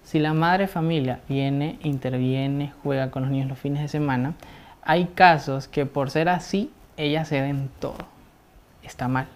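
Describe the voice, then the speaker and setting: A man, a psychologist guest giving measured, explanatory answers and often checking in with tag questions. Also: on the high side, fairly even intonation, a little hiss or hum.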